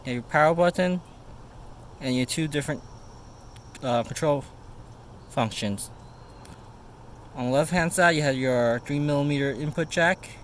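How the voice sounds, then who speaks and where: A man giving a casual product review in a halting, informal way, stumbling over words now and then. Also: mid-range voice. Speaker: gear reviewer. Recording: noisy raw camera-mic audio with ambience.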